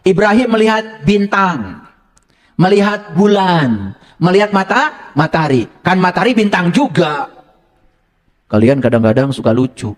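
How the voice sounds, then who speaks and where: A man preaching to a live audience in a high voice that leaps up and down. He jokes, fires questions at the listeners and drops into local phrases. His delivery is playful and conversational rather than solemn. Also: lively intonation, measured pace. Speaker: religious teacher. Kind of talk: interactive religious lecture to an audience.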